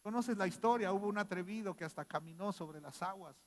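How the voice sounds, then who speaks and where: A pastor delivers his sermon in a fairly high male voice. The church hall gives a long reverb. He drops to a near murmur for scripture, then rises to loud, ringing exhortation. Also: a little fast. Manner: swings from quiet reading to loud shouting.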